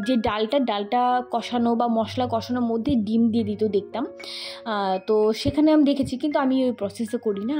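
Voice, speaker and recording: A slightly hoarse woman narrating her home cooking vlog in a chatty way, talking straight to viewers with plenty of fillers. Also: on the high side, warm tone. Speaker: cooking vlogger. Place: home kitchen.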